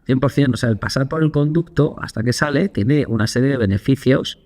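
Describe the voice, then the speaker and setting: With a medium-pitched voice and a brisk delivery, a man on a casual podcast spins lively anecdotes. As co-host, he brings quotes to life by acting them out.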